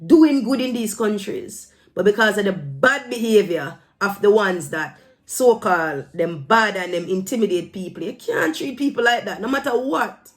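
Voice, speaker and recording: Speaking casually to her viewers, a vlogger from Jamaica gives her opinion in a Jamaican accent, emphatic and admonishing, with Patois phrases slipping in. Her voice is medium-pitched, with lively intonation and a moderate pace.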